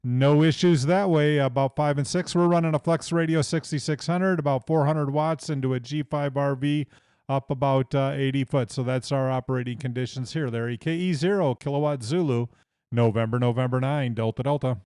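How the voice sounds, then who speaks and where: American guy calling on ham radio, smooth clear voice, dry close mic. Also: medium pitch, steady tone, fairly quick, a little mellow, no echo. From Iowa, United States. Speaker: amateur radio operator running contacts. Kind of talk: casual ham radio exchange.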